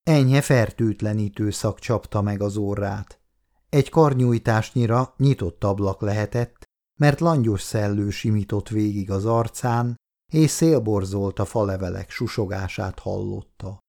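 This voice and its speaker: Male audiobook narrator, low voice with gravel, measured and steady. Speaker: audiobook reader.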